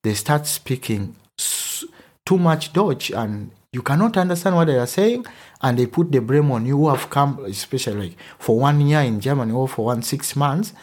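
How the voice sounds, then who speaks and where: Husky Ugandan man, earnest talk. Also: mid-range voice, lively intonation, normal speed, darkish tone. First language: Luganda. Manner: earnest, searching for words with restarts. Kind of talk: conversational discussion.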